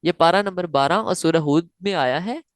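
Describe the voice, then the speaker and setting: A woman teaching Quran recitation in a slow, step-by-step lesson. She explains each rule, then chants the example slowly and repeats it. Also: lowish voice, no echo, clean studio sound. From South Asia.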